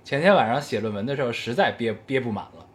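一位带北京口音的男播客主持人，口语化地闲聊、读听众留言，带点冷幽默。. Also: male voice, mid-range voice, animated, fast. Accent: Beijing. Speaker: podcast co-host reading listener messages. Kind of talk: casual chat.

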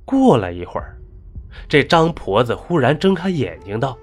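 Guy narrating a spooky folk story, super lively up and down voice, faint music under it. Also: medium pitch, moderate pace, breathy edge. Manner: dramatic, rising and falling delivery. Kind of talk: scripted narration of a ghost story.

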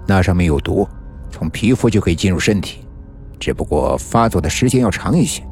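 A man playing a calm, gloating male schemer. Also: sits low, fairly quick, faint music behind. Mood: smug. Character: cruel, smug male schemer.

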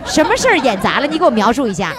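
A woman's voice: on the high side, big pitch swings, racing. A woman hosting a casual, chatty interview, teasing playfully and repeating answers to check them. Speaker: show host and interviewer. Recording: noisy crowd in the background.

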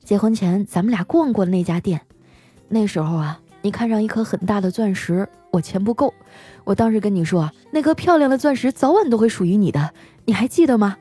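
A woman's voice: medium pitch, a little fast, mellow, slightly rough, soft background music, close to an everyday voice. A woman voicing a henpecked husband who jokes in a dry, resigned way.

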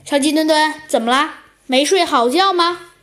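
Gentle storybook monkey chief, male, patient and teasing, fairly high, played by a woman. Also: moderate pace.

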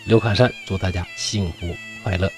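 A man's voice: deep voice, animated, moderate pace, soft background music. A middle-aged man with a Northeastern Mandarin accent telling a classic tale in a folksy, joking way, with asides to his listeners. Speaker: storyteller. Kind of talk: comic folk-tale storytelling.

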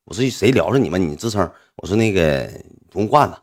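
Fast, animated Northeastern Mandarin man. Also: sits low. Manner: animated, acts out the people in his story. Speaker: storyteller. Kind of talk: casual anecdote telling.

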